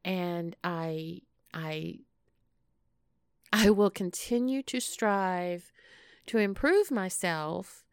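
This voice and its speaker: Woman, casual solo podcast chat, slow pace, teasing endearments, dry recording. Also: on the low side, smooth, no room sound. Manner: flirtatious, playful, addresses listeners with pet names. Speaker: podcast host.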